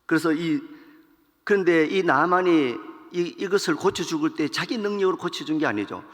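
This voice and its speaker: Animated pastor telling a Bible story. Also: male voice, on the high side, normal speed, big-room sound. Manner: animated, acts out characters' lines. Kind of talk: storytelling sermon.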